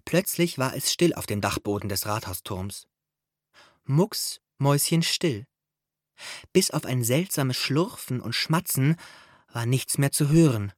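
A man reading a children's audiobook aloud in an expressive storytelling manner. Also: medium pitch, measured pace, no room sound, clean studio sound. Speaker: narrator.

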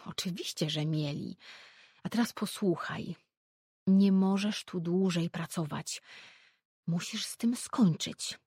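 A woman's voice: fairly low pitch, unhurried, darkish tone, slightly rough, no room sound, studio quality. A woman voicing a fretful, scolding old mother. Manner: urgent, scolding, insistent. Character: anxious grey-haired older mother, disapproving.

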